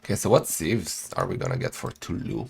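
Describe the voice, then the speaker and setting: Male co-host, heavy vocal fry, lively joking delivery. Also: sits low, fairly quick. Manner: lively, joking, laughs often. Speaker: tournament co-host and caster. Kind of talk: casual game commentary.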